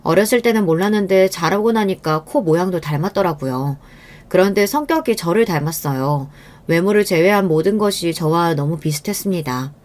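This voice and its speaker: A middle-aged woman telling a first-person story in a calm, confiding, rueful tone. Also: mid-range voice. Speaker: story narrator.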